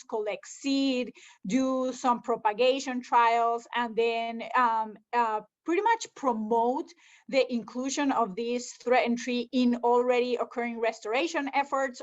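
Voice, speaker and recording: A woman's voice: on the high side, muffled recording. A woman from Rica, a conservation scientist answering interview questions earnestly, with frequent ums. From Costa Rica.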